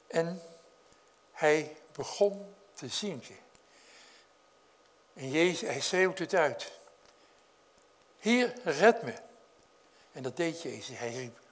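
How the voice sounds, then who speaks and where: Male preacher, earnest, higher voice, loud in the story, quiet in reflection. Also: unhurried, long pauses. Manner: earnest, rises in pitch and volume when storytelling, drops low for reflection; addresses congregation directly with questions. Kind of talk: sermon.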